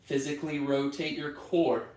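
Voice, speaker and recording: A male yoga teacher leading a class through poses with calm, breath-paced cues. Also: on the high side, moderate pace. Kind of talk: guided yoga class instruction. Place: yoga studio. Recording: roomy studio echo from far off.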